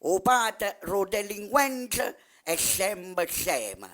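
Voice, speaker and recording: A man's voice: sits high, very animated, very slow, fairly bright tone, faint music behind. A man with a Neapolitan accent reciting folk sayings in dialect. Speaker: reciter paraphrasing proverbs in Neapolitan.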